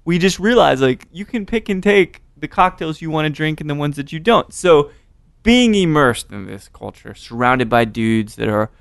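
A man in his thirties hosts a casual interview, animated and quick to swear and laugh. His pitch rises and falls in a lively way. The recording is dry and close, with little room sound. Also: gravelly, clear, resonant tone, no echo. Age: 30s. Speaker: podcast host.

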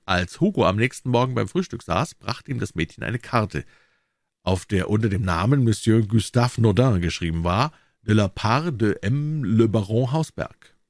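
A man narrating a storybook in an audiobook reading, measured and expressive. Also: fairly low pitch, no room sound, clean studio sound.

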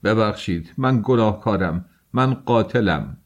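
A man voicing a young, thin male worker who confesses in a firm, halting voice. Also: fairly low pitch, expressive, natural voice. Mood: resolute.

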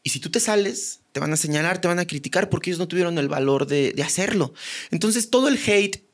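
A young man with a Mexican accent, chatting on a podcast as a comedian guest. His voice sits a little high, and he tells stories with lively, slangy energy, acting out other people as he goes. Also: brisk. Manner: animated storyteller, slangy, acts out voices. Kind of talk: casual podcast chat.

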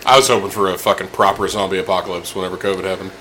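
A man with a low voice throws in rapid, bright wisecracks during a casual bar chat. A faint room hum runs underneath. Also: level tone. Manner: quick wisecracking interjections. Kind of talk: casual chat over drinks.

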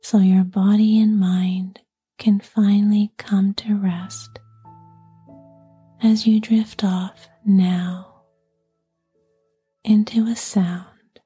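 Breathy woman doing sleep story narration, super slow n soothing, really dark soft tone, quiet music behind. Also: mid-range voice, flat delivery, dry recording. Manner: slow, soothing, repetitive lulling delivery.

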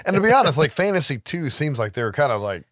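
Sweary, animated man talking film. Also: fairly high pitch, fast talker, dry recording, studio quality. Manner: blunt, heavily profane, opinionated. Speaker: podcast co-host. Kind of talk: casual film chat and commentary.

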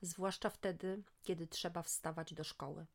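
Lower-voiced woman reading a story. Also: fairly even intonation, measured pace.

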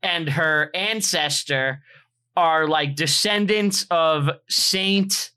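A man's voice: fairly high pitch, drawn-out words, pushed and bright, clear, resonant tone. A man co-hosting a casual podcast, joking and laughing often.

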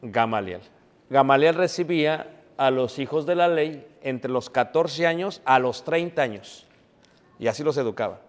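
Preacher with long hall reverb. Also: male voice, mid-range voice, lively intonation, normal speed. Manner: asks the congregation rhetorical questions and answers them; keeps calling his listeners brothers. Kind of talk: sermon. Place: church.

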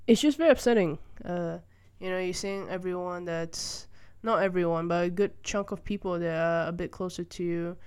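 Rain falls outside the window where a young woman from Malaysia records her solo podcast. Her lowish, slightly mellow, smooth voice carries a casual monologue as she thinks through her views hesitantly, with many fillers and restarts.

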